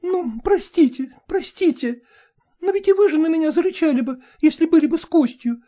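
A woman's voice: extremely high pitch, normal speed, warm tone, pitched above the performer's own voice. A woman voicing a cheeky female stray dog in an audiobook, chattering in a coquettish, wheedling way. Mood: flirty chatty. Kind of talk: audiobook character voice.

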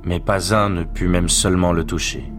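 A man reading a literary narration in a measured, solemn way. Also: sits low, steady tone, over music.

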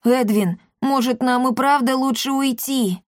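A woman's voice: sits high, unhurried, no echo, pitched above the performer's own voice. A chubby, timid young man speaks in a raised, jittery voice, as a woman reader puts him on. Close and dry. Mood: anxious. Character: plump timid young man with magic gloves.

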